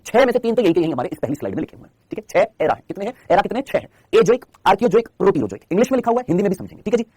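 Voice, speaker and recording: A man's voice: high-pitched, big pitch swings, very fast, darkish tone, breathy edge, dry recording. A man teaching a live online biology class in Hindi, quizzing his students with constant rhetorical questions and answering them himself.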